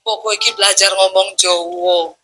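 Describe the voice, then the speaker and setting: A woman preacher voicing her patient Javanese husband with a low, slow, coaxing Javanese accent. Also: steady tone, pushed and bright, faint music behind.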